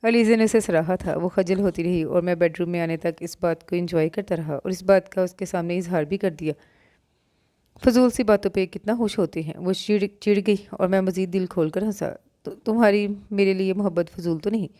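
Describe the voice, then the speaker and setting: A woman narrating a romance novel aloud in a steady storytelling manner. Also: on the low side, a little fast, no room sound, studio quality. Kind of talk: audiobook reading of a romance novel.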